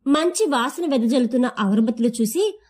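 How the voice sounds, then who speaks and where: A woman reading a story aloud in a steady, expressive audiobook narration. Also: a little high, normal speed, slightly rough.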